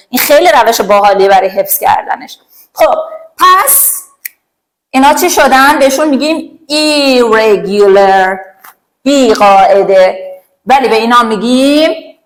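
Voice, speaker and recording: Chatty and playful, a female English teacher walks through a grammar lesson, voicing verbs as characters and drilling word pairs at a slow pace. She has a high-pitched voice.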